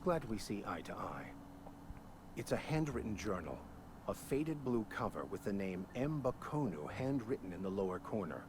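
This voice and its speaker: A stuffy male bureaucrat from a video game. He is pompous and dryly sardonic, with a lowish voice that moves around a lot, over clear background noise. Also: sing-song, moderate pace. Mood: guarded, formal. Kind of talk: video game character dialogue.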